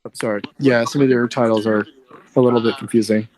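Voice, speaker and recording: A man's voice: mid-range voice, fairly even intonation, fast, darkish tone, rough recording. A man in casual, rambling chat, his voice breaking up and cutting out over a bad call connection. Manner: rambling, lots of "like" fillers.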